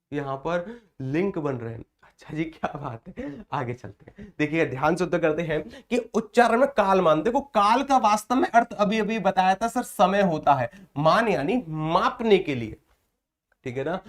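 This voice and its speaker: High-voiced man teaching a lively lesson. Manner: repetitive call-and-response questioning; encouraging, reads viewer comments aloud. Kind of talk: live online exam-prep lesson.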